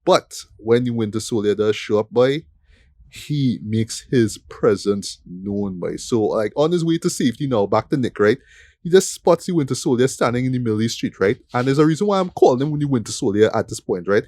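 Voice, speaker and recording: A man talks through a film scene by scene, excited and chatty, often checking in with a quick "right?". His voice sits in a middle register and sounds dry and close to the mic. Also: medium pitch, dry recording. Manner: enthusiastic, frequent "right?" tag questions. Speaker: podcast co-host. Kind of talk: casual film review chat.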